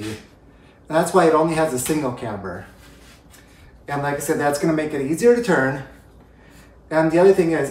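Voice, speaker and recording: A man's voice: fairly high pitch, distant mic, a little hiss or hum. A man in his thirties giving a home ski tutorial in a living room, explaining step by step as he handles the skis. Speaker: ski instructor. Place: living room by a brick fireplace. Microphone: far camera. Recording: roomy living room, voice from afar.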